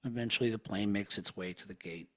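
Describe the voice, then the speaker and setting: A man leading a guided hypnosis session in a slow, soothing, hushed manner. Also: lowish voice.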